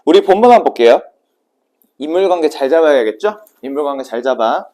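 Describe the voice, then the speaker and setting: A man's voice: fairly high pitch, expressive, mellow. A male Korean literature teacher giving a casual exam prep lecture, quizzing his students and then answering his own questions. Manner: brisk and casual, asking students questions and answering them himself.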